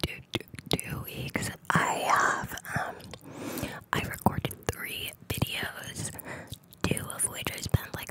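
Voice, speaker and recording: A woman whispering a breathy ASMR ramble as a host, very close to the microphone, lingering and often repeating words in strings. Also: poor audio.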